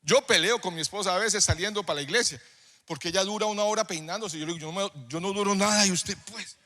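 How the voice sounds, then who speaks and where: High bright pastor in a hall. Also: male voice, fast. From Colombia. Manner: conversational, swings from soft storytelling to loud emphatic preaching. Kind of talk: sermon with personal storytelling. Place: church hall. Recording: live sermon in a reverberant hall.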